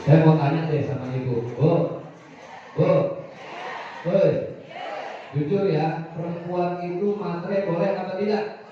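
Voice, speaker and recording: A man preaching a lively Islamic sermon in a mosque. He poses call-and-response questions, jokes with the audience and sings short prayers. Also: high-pitched, takes it slowly, long pauses, some chatter behind, a little hiss or hum. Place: mosque gathering. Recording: echoey mosque hall from far off, dull sound.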